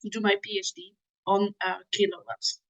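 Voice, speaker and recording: A young woman from Switzerland, a PhD student, giving methodical explanatory interview answers with frequent small pauses. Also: medium pitch, level tone, poor audio.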